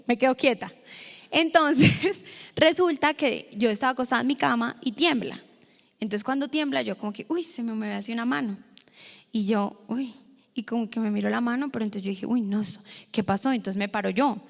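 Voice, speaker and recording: A woman pastor giving a sermon, telling a personal story to the congregation in a lively, direct way. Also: a little high, vocal fry. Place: church hall. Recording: long church hall reverb.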